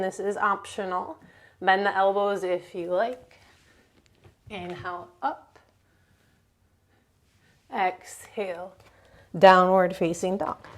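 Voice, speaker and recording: A woman teaching a yoga class, giving calm step-by-step cues for breath and movement. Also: medium pitch. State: slightly out of breath at times. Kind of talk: guided yoga class instruction.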